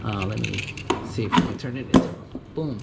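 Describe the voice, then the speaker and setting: A casual US-born tool vlogger from a Mexican family shows off his gear at a junkyard in Japan, rambling with lots of ums, restarts, self-corrections and chuckles. His voice is fairly low, brisk and creaky. The GoPro camera mic picks up noisy audio with a loud air conditioning hum.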